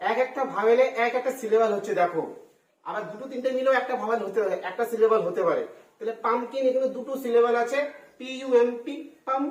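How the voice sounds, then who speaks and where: A woman teaching a home-school lesson for children, spelling words out letter by letter, mixing in English and asking the pupils "right?". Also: a little high. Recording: roomy echo, far from the mic.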